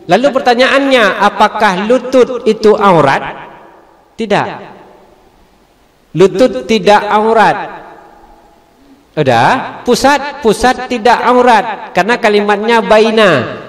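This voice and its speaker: A man giving a religious lecture, voice sitting a little high for a man, lively and full of laughs as he acts out the people in his stories. He speaks in a village prayer hall, and the sound rings with a long, roomy reverb. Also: slow pace, pauses often. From Aceh, Indonesia. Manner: animated storyteller, acts out characters, laughs often. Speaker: religious teacher. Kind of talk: religious Q&A lecture with humorous storytelling.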